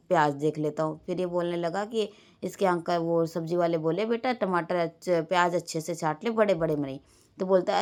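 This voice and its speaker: A woman, a mother, casually narrating her day over a home vlog and quoting her children along the way. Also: on the low side. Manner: rambling everyday storytelling, quoting her children. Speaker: vlogger and mother.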